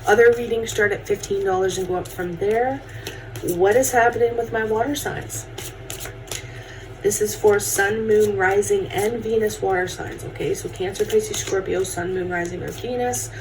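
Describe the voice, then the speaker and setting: Woman, casual tarot host, conversational and familiar with viewers, mid-pitched, recorded at a distance. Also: steady tone, normal speed. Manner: chatty, addresses viewers as friends and guys. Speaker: tarot card reader hosting a horoscope show. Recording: distant mic with faint background noise.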